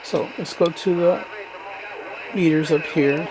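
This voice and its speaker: Speaking slowly in a steady, fairly high voice, a man casually demonstrates radio equipment one step at a time, the way a hobbyist would show how it works. Radio static and background noise make the recording noisy.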